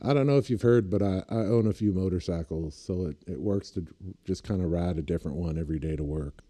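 A man's voice: sits low, quick pace, dark tone, slightly rough. A man chatting casually, rambling through anecdotes and laughing at his own stories. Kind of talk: casual chat.

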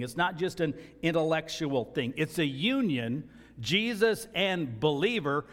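A man's voice: a little high, a bit bright. A man preaching a sermon as pastor, earnest and emphatic, repeating key phrases for stress. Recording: long reverb of a large hall.

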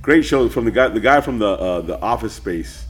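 A man's voice: medium pitch, animated, moderate pace, slightly rough. A man co-hosting a podcast in casual chat, laid-back, swearing a lot and saying dude and bro. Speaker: podcast co-host.

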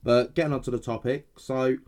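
A podcast co-host, still a bit nasal from a recent illness, reads definitions from his notes, stumbling and restarting at times. His medium-pitched voice moves a little fast with fairly even intonation, and the background is noisy.

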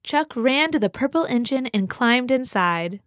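A woman reading a children's story aloud with gentle, expressive storytelling. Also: a little high, a little slow, dry recording, studio quality. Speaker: narrator. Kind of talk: scripted children's story narration. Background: music for children.

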